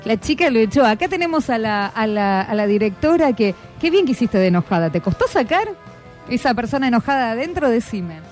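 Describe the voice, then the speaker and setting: A woman hosts a radio show, chatting casually with schoolchildren and checking in often with brief questions. Her voice is high-ish, sing-song and darkish, a little fast, with soft music in the background.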